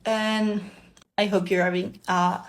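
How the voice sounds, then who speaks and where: Soft, hesitant young woman, flat delivery. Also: medium pitch, slow pace, noisy background. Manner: soft, hesitant, many fillers. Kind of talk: casual advice vlog.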